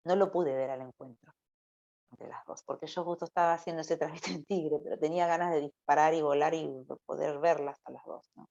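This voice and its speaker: A woman's voice: sits low, fairly even intonation, fairly quick, vocal fry, dark tone. A woman preaching to a church youth group in a conversational way, often closing her phrases with a questioning "no?". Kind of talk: informal Bible teaching sermon. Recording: dull lo-fi recording.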